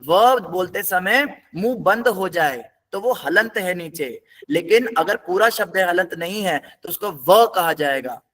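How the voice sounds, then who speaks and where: A man's voice: high-pitched, animated, measured pace, few pauses, a bit bright. A man teaching a scripture class, explaining word by word in a patient, step-by-step way and putting questions to his students.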